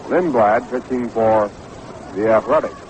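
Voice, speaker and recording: The voice is low-ish, unhurried and darkish, belonging to an American man calling baseball for 1960s radio. He's in a stadium broadcast booth, and the sound comes through a noisy 1960s AM signal.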